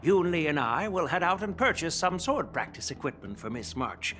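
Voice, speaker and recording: A man's voice: fairly high pitch, very animated, moderate pace, a bit bright, faint music behind. A man voicing a jovial, wily old general and swordmaster in a video game, speaking in an avuncular, theatrical way. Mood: delighted. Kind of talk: game cutscene voice acting.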